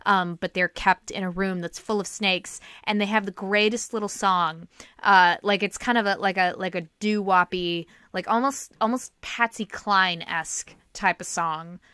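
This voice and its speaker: A woman hosting a podcast, telling rambling animated stories in casual chat. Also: medium pitch, moderate pace, slight background noise. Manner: animated, rambling storyteller, breaks into singing. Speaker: podcast host.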